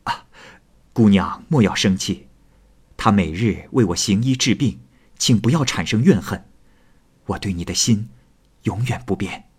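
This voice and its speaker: A man playing a stubborn, lovesick young scholar who speaks low and tenderly. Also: expressive, a little slow, pauses often, husky. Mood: tender pleading.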